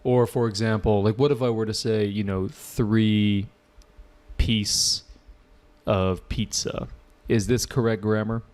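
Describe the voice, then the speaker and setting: A man with a lowish voice leads a live online IELTS class. He keeps it casual and checks in with students often. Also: steady tone, fairly quick, few pauses, mellow. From United States. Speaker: IELTS tutor.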